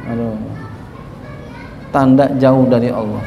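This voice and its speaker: A man's voice: medium pitch, steady tone, slow pace, creaky, dull audio. A man preaching a sermon on a religious text in a conversational way, addressing the congregation with teasing asides. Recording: long hall reverb, faint ambient noise.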